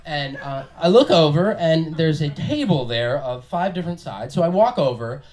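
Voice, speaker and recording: A man telling a comic anecdote on stage with a halting, wry build-up. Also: on the high side, animated, darkish tone. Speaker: comic storyteller. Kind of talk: comic storytelling to an audience.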